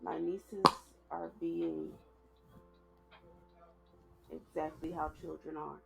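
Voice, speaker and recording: A woman's voice: deep voice, takes it slowly, creaky, music in the background, low-quality recording. A woman streamer, giving casual, sarcastic commentary from her room as she plays a game. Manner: sarcastic, deadpan asides. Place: home room.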